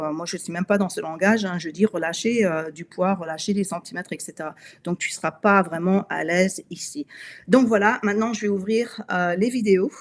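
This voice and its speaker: A chatty woman in her forties speaks straight to her online audience as a mobility coach. Her talk is loose and direct, full of fillers and quick laughs. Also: on the low side. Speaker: webinar host and mobility coach. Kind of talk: casual live webinar talk.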